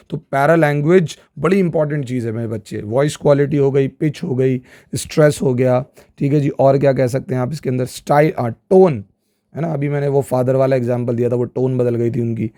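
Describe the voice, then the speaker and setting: A male teacher lecturing with a gravelly, dark, mellow voice. He speaks slowly and leans on key words, acting out small examples. He often stops to ask whether the class understands. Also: medium pitch. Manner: animated, keeps asking if students follow; slow, stressed delivery with acted examples.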